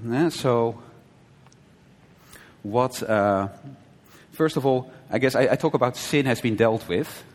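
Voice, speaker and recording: A man's voice: mid-range voice, takes it slowly, pauses often. Conversational male preacher in a reverberant hall. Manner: conversational, frequent "right?" checks and brief laughs, self-correcting restarts. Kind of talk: conversational sermon teaching.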